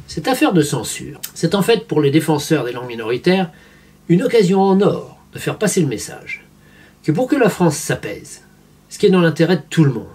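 In a small furnished room at home, a vlogger commentator in his fifties gives wry, didactic opinion commentary to the camera. His voice is on the high side and a little mellow.

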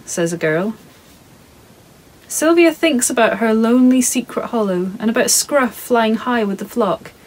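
Her voice sits a little high as this woman in her thirties gently reads her picture book aloud to children. She sounds calm and measured, recording from her home studio.

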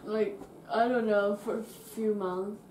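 A woman's voice: mid-range voice, fairly even intonation, slow, echoey room. A young woman from China giving brief, offhand interview answers. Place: small dormitory bedroom. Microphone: far camera. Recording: distant, loud hiss and clicks.

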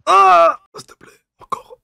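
A man from France hosting a casual voice chat as a streamer, teasing and mock-serious, now and then breaking into loud fake outrage. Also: mid-range voice, lively intonation, fast. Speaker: streamer host.

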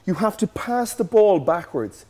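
Young male comic guest, laddish and boastful, mellow, slightly high. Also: very animated, unhurried. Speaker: comedian guest. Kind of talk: comic in-character banter. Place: studio set with sofa.

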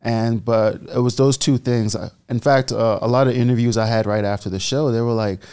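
A man in his thirties from the Bahamas with a Bahamian accent, a guest telling his story in a relaxed way in a casual podcast interview, speaking into a studio mic. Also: medium pitch, brisk, clear, resonant tone. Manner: relaxed storytelling, gestures while talking. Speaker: guest entrepreneur. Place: studio set with leather armchairs. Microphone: boom-arm studio mic.

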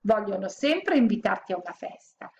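Woman doing a raspy chatty sand wolf. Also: mid-range voice, very animated, normal speed, lo-fi sound, a little hiss or hum. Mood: explaining. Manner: playful, explaining.

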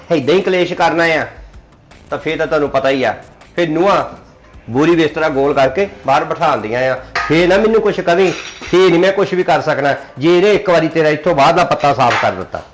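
A man's voice: a little high, animated, fairly quick, faint music behind, lightly acted. A man playing a Punjabi son lecturing his mother. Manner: lecturing, warning. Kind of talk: family drama acting.

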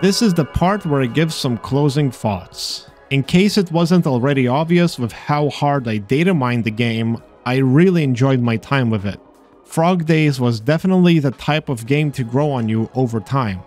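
Lively in intonation yet a little mellow, the man's medium-pitched voice moves at a moderate pace. As a video host exploring games, he reads a scripted voice-over about a video game, adding dry sarcastic jabs, with faint game music in the background.

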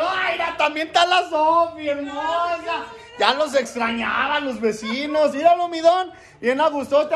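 A Mexican man vlogging outdoors in a neighborhood street, playful and joking, often shouting across the street. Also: very high-pitched. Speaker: vlogger delivering a birthday cake. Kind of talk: casual street vlog. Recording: outdoor street with crowd noise.

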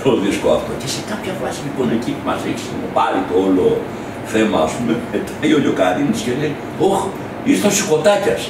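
A man's voice: on the low side, lively intonation. A man telling an anecdote about recording a demo, chatting loosely and quoting the people who were there. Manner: chatty anecdote with quoted asides. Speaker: musician, guest. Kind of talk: casual storytelling. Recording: echoey room, distant mic, noisy.

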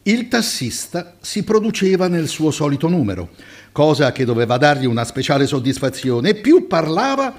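A man reading a short story aloud with expressive narration on a web show. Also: on the high side, moderate pace. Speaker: reader and guest storyteller.

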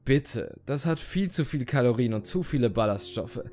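A man's voice: mid-range voice, expressive, moderate pace, a little mellow, faint music behind, close to an everyday voice. A man voicing a vain, arrogant young female fashion model in a horror story reading, speaking in a haughty, condescending way.

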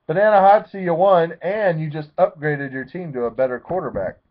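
A man in his thirties giving a casual, rambling recap of his fantasy football league from his home webcam, often correcting himself and getting excited. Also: on the high side, a little fast. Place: small room at home, seated in a leather chair. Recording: tinny, phone-like webcam audio.

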